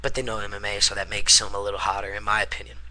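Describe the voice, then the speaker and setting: A man's voice: fairly low pitch, completely flat delivery, very fast, bright, forceful tone. A young man chatting casually and unscripted as a video blogger, wired on caffeine and rambling from one aside to the next. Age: young adult. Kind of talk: casual unscripted vlog chat.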